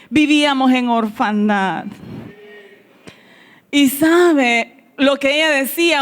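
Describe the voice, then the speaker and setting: High-voiced woman pastor, slow sermon. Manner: personal storytelling, addressing the congregation as beloved. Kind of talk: sermon testimony.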